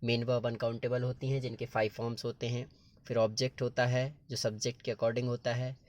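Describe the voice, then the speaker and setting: A man's voice: mid-range voice, flat delivery, a little fast. A male teacher explaining grammar patiently, step by step, in a classroom-lesson style. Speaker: English teacher.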